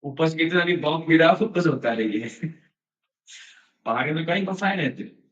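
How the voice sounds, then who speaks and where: This devotional speaker, a man with a slightly high voice, talks at a moderate pace through a storytelling sermon. He keeps it conversational, drops in English phrases and laughs from time to time. Echo, distance and a dull tone mark the audio.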